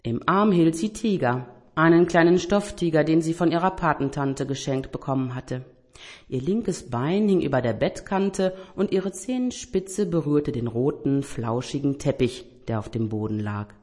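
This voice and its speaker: A woman reading a children's bedtime story aloud in a gentle, expressive way. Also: sits low, normal speed.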